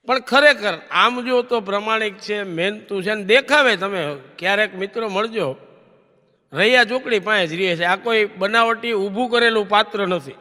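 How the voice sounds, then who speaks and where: Animated male stage comedian in an echoey hall. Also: high voice. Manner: animated, repeats punchlines as questions to the audience. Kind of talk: comic storytelling to a live audience.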